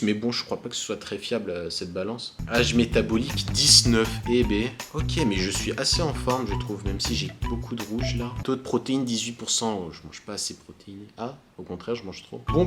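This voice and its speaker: A man in his early twenties chatting casually in a vlog from his room at home, joking and poking fun at himself. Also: mid-range voice. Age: early 20s. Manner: chatty, joking, self-mocking. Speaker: fitness vlogger.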